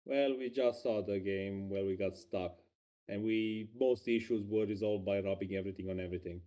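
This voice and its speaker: A man co-hosting a casual livestream, talking about game jam entries in a hesitant, halting way. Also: on the low side, steady tone, warm tone. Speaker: stream co-host reviewing game jam entries.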